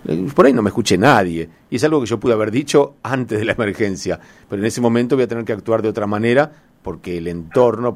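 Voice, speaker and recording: A man hosts a radio interview. His voice is fairly low. He adds his own thoughts in an easy, reflective way. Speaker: radio host, journalist.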